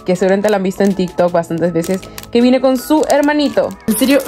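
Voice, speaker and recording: A young woman chatting casually as she unboxes toys, excitable, often squealing over cute little figures. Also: on the high side. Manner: chatty, uses many diminutives. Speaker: toy collector vlogger.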